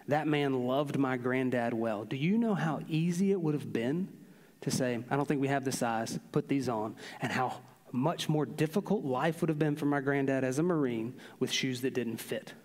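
A man preaching a sermon, telling stories with an animated, drawn-out emphasis. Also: medium pitch. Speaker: pastor. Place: large church hall. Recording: long reverb of a large hall.

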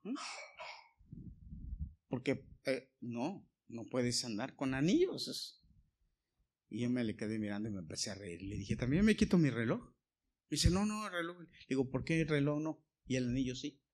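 A man's voice: mid-range voice, animated, moderate pace, darkish tone. A man preaching a sermon, telling anecdotes with quoted dialogue and direct asides to the congregation.

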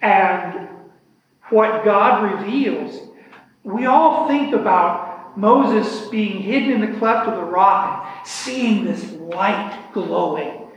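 Man, teacher of a church discussion class; slow, earnest and reflective delivery, higher-pitched voice, echoey church room recording. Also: expressive. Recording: echoey hall with long reverb.

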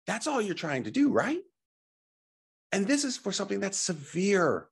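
A man's voice: high-pitched, very animated, normal speed, gravelly, slightly rough. A middle-aged man giving a motivational slide presentation, emphatic and coaching, putting questions to the listener and checking in. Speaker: presenter and teacher on health technology.

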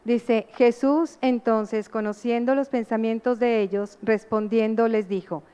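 A woman's voice: a little high, fairly even intonation, a little slow, dark tone, smooth, big-room sound. A woman preaching a sermon, earnestly asking the congregation rhetorical questions.

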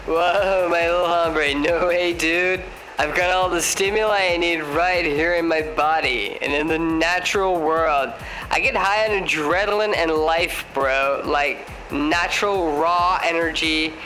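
A man's voice: a little high, steady tone, unhurried, sharp tone, soft background music, poor audio. A man playing a laid-back young male surfer guest, speaking in drawling surfer slang. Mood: stoked.

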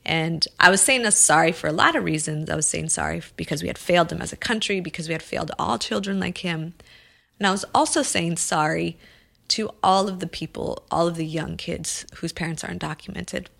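A woman who grew up in Los Angeles, with roots in Colombia, speaks as an immigrant rights advocate in an earnest, impassioned conversation. Her fairly low voice is brisk and sharp with vocal fry and a Los Angeles American accent. She restarts phrases and builds to emphatic peaks.

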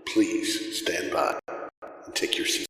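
A man giving a slow, formal announcer intro in the manner of an old-time radio show. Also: sharp tone, slight background noise. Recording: echoey hall, far from the mic.

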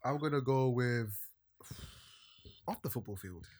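A man's voice: medium pitch, unhurried, crowd noise. A young man with a London accent, bantering casually and teasingly with friends, often repeating his words.

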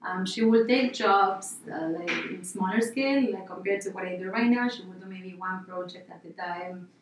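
A woman's voice: fairly low pitch, moderate pace, recorded from a distance, background noise. Argentine woman guest in an echoey room. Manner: rambling, casual, many fillers and restarts. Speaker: interior designer, guest. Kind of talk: podcast interview. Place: office.

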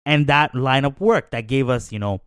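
A man's voice: medium pitch, moderate pace, clean tone, no echo, clean studio sound. A man on a sports talk panel, speaking with confidence, trash-talking the other team and often tagging on "right?".

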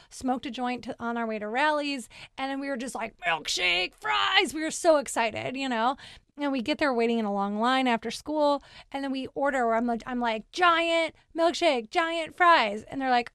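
A woman in her thirties co-hosting a podcast, telling stories in an animated way and laughing often. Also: sits high, clear, resonant tone, no echo, studio quality. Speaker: podcast co-host. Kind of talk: casual chat.

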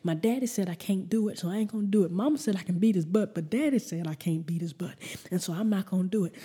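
A woman delivers a sermon in a relaxed, conversational way that turns emphatic as she presses her points. Her voice is mellow and slightly husky, and she often circles back and repeats words. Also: mid-range voice, fast talker. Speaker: preacher.

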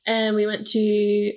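A woman's voice: mid-range voice, heavy background noise. A woman in her early twenties with an Australian accent, chatting casually in a playful, slangy way as a podcast co-host. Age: early 20s. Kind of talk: casual chat.

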